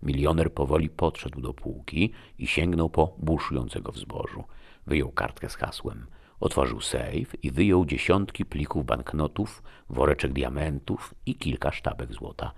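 A man narrating a first-person story in a gruff, expressive way. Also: very deep voice, normal speed. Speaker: audiobook narrator.

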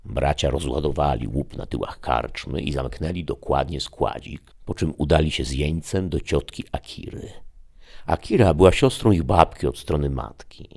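A man narrating a story in a measured, steady reading style. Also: extremely low pitch, gravelly.

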